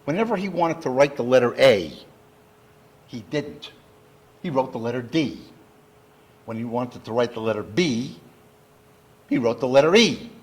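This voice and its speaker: Speaking live to an audience, a man with a husky, slightly rough, mid-pitched voice delivers an explanatory public lecture. He is animated yet deliberate, laying out definitions one step at a time, much like an engineer teaching a general audience.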